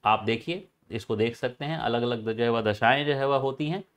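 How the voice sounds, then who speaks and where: A man explaining a topic for a channel, halting and full of filler phrases and repeats. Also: medium pitch. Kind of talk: informal educational explanation.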